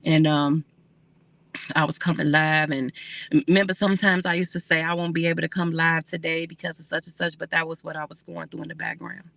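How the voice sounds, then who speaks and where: A woman's voice: sits low, little pitch movement, a little fast, vocal fry, a bit bright, no echo. A woman hosting a casual livestream, talking candidly and reading viewer comments aloud.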